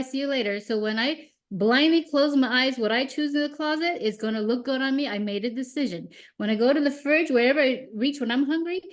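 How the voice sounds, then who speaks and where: A woman in her fifties, a mindset coach guest on a podcast, talking animatedly and acting out her own thoughts in quotes, sometimes repeating words as she restarts. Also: fairly high pitch. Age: 50s. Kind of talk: podcast interview.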